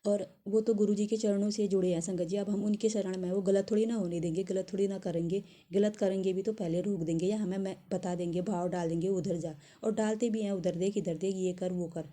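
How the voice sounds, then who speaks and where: A woman's voice: mid-range voice, steady tone, fairly quick, hardly any pauses, mellow. A woman in her thirties earnestly telling a devotional testimony, rambling with many restarts and fillers.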